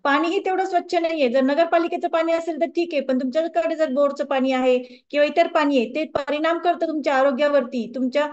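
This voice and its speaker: A woman's voice: high-pitched, fast talker, hardly any pauses, a little mellow, highs cut off. A woman wellness coach gives a conversational lecture to a group and keeps asking the audience questions.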